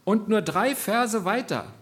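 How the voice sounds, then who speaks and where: A man preaching a sermon, earnest and direct, asking his listeners searching questions, rising to emphatic lines and dropping to quiet asides. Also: high-pitched, animated, slow pace.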